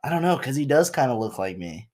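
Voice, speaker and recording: Young man, podcast co-host, mid-range voice, relaxed, hesitant, trails off. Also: medium pitch, fast talker. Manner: laid-back and hesitant, trailing off. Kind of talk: casual chat.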